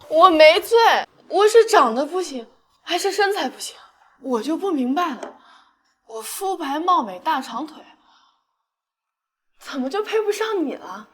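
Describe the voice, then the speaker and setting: A woman's voice: on the high side, animated, moderate pace, long pauses, husky. An actress playing a tipsy, lovesick young woman in a screen drama, pleading and insisting stubbornly. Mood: drunken, indignant.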